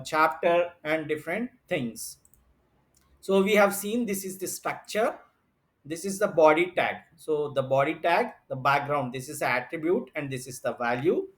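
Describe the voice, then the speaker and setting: High-voiced teacher walking through a lesson. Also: male voice, fairly bright tone. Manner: explains step by step, repeats himself, many fillers. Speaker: computer teacher. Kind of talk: online class lecture.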